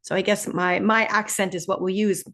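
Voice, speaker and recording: In a mid-range, steady, slightly bright voice, an Ontario-accented Canadian woman leads an online test-prep session. She's warm and explanatory, slowing down to underline what matters most.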